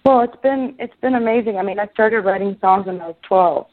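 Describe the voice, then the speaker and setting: A woman's voice: medium pitch, fairly quick. A woman from Israel, a musician being interviewed, talking casually and rambling with many restarts and fillers. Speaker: musician guest. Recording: tinny phone line.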